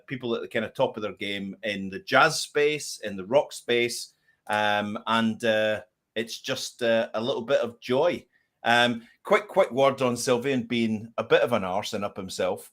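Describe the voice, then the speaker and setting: A man co-hosting a relaxed music chat, spinning animated stories about bands and gigs. His voice sits at an ordinary middle pitch, and he talks in a loose, conversational way. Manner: chatty storyteller, animated anecdotes. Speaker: podcast co-host.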